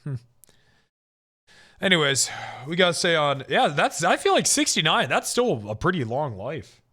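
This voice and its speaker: A man's voice: fairly high pitch, big pitch swings, normal speed, sharp tone, slightly rough. A man in his thirties hosting a casual podcast chat, joking and swearing, often restarting his sentences. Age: 30s. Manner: joking, profane, rambling with restarts. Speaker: podcast host.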